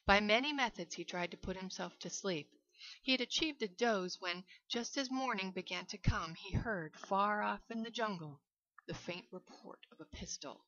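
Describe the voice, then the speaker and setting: A woman reading a short story aloud in a measured, steady way. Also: medium pitch. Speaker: reader. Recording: dull lo-fi recording.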